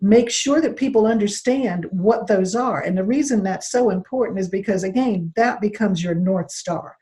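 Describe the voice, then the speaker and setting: Mellow woman consultant on a panel, explaining stuff conversationally, kinda emphatic. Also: mid-range voice, normal speed. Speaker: diversity consultant, panel guest.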